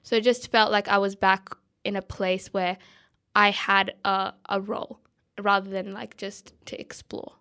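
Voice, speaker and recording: A woman's voice: medium pitch, little pitch movement, measured pace, bright, forceful tone, clean tone. A young woman, a radio guest speaking thoughtfully with many "like" and "I think" fillers. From Australia. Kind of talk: conversational interview.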